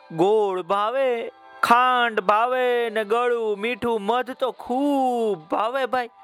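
A man telling a bedtime story to children, speaking to them gently and directly. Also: high voice.

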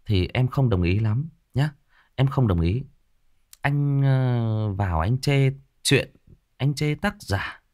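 A man's voice: medium pitch, lively intonation, slow, a little mellow. A man with a Northern Vietnamese accent, an audiobook narrator speaking off the cuff and defensively to a critical listener, with many fillers and restarts. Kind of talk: unscripted direct address to a commenter.

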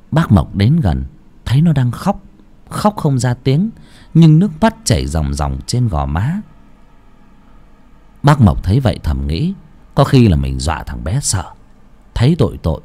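A man narrating an audio story in an expressive storytelling manner. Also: fairly low pitch, slightly rough.

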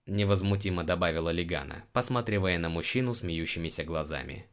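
A man narrating an audiobook in a steady storytelling manner. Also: low-pitched, brisk, smooth. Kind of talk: scripted narration.

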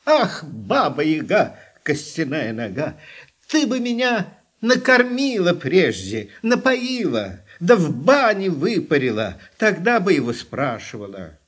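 A man playing a hungry, weary young prince on a quest in a storybook, earnest and expressive. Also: a little high, slow pace, breathy edge, exaggerated voice. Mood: bold. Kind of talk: storybook character voice.

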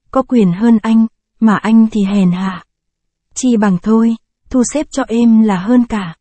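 A woman reading a short story aloud as an audiobook narrator, in measured storytelling with lively phrasing. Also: medium pitch, no room sound.

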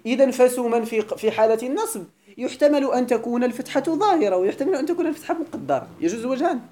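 A man with a Moroccan accent teaching grammar in a classroom lecture. He keeps checking that his students follow and repeats example words slowly for emphasis. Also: very high voice, animated, dark tone. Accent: Moroccan Arabic.

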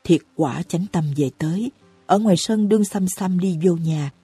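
Low, dark-voiced woman narrating a novel. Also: breathy edge, no room sound. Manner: reads slowly and evenly, raising her voice for characters' cries. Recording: dry close recording with soft music behind.

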